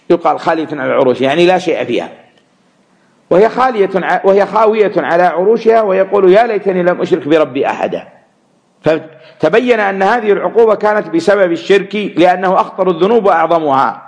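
A man teaching Quran commentary, measured and repeating words to stress them. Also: high-pitched. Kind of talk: religious lesson explaining verses.

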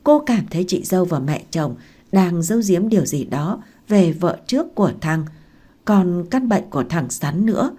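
A woman narrating a novel aloud in a calm, steady reading voice. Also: lowish voice, moderate pace, slightly rough. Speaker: audiobook narrator. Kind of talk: story narration.

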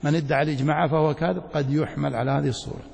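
In a large, reverberant mosque hall, a Saudi-accented sheikh delivers a didactic religious lecture. He speaks very fast in a voice on the high side, fairly even in intonation, darkish and slightly rough with vocal fry. He repeatedly checks understanding with short questions, and the echo has a long tail.

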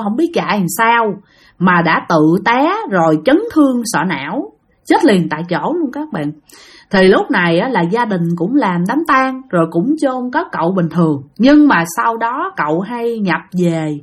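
A woman's voice: medium pitch, slightly rough. A woman telling a ghost story, chatty and speaking straight to her listeners. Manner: chatty, addresses listeners directly.

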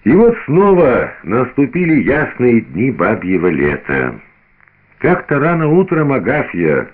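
A man reading a novel aloud with expressive, theatrical narration, on a tinny old radio recording. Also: lowish voice, slightly rough. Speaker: reader.

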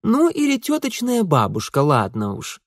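A man voicing a pair of teasing young society sisters in a sing-song, high voice. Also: wildly swooping pitch, normal speed, dry recording, clean studio sound. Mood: teasing, gushing.

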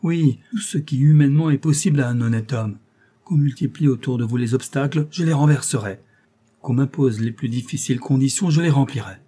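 A man's voice: medium pitch, a little slow, warm tone, slightly rough. A man voicing a desperate, impassioned young lover in a storybook reading, pleading and vowing with fervor. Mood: exalted.

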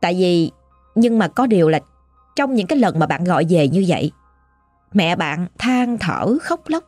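A woman's voice: lowish voice, expressive, moderate pace, a little mellow, no echo, soft background music. A woman with a Southern Vietnamese accent telling a ghost story in a chatty, dramatic way, speaking to the listener directly.

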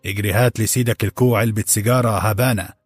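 A man reading an audiobook, voicing an arrogant young male supervisor who hurls contemptuous insults, his voice raised higher. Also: fairly even intonation, racing, husky, dry recording, soft background music.

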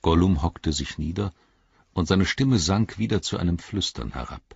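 A man narrating an audiobook in measured storytelling. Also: low-pitched, lively intonation, gravelly, a little mellow, breathy edge, no room sound, lo-fi sound. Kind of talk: scripted narration.

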